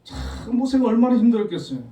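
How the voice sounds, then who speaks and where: A male pastor giving a Sunday morning sermon in a conversational, animated storytelling manner with frequent chuckles. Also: very high voice, fast talker. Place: church sanctuary. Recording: echoey hall, voice from a distance.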